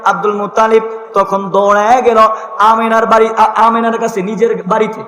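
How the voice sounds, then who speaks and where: A man's voice: high voice, level tone, normal speed, echoey room, in a large hall. A man from Bangladesh preaching a sermon in a sing-song style, telling a story and voicing its people in quoted lines. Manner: sing-song preaching that rises into loud sustained chanted lines.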